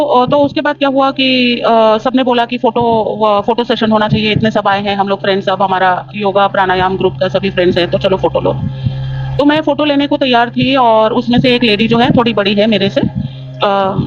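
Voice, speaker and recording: A woman earnestly telling a personal devotional story to fellow followers, rambling with fillers and restarts. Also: on the high side. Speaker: devotee sharing a testimony. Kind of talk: casual spoken testimony. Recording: dull lo-fi audio.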